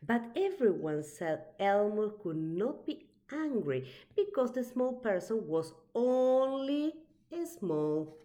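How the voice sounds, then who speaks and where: A woman with a fairly high-pitched voice reads a children's picture book aloud, telling the story expressively and deliberately.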